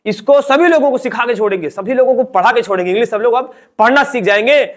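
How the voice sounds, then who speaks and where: Speaking very fast in a very high voice, this male teacher runs an online, classroom-style English lesson for beginners in Hindi. He goes through letters one at a time, poses and answers his own questions, and addresses his listeners warmly as children.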